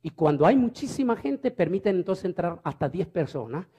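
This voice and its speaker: A man's voice: high voice, very animated, moderate pace, mellow, breathy edge. A man preaching a storytelling sermon, fervent and repeating phrases for emphasis.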